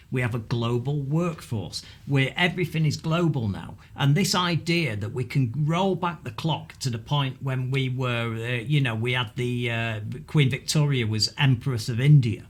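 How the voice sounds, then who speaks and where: A man's voice: mid-range voice, moderate pace, hardly any pauses. A man with a Mancunian accent co-hosting a political podcast, blunt and argumentative as he rants about the news. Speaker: podcast co-host. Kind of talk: political opinion chat.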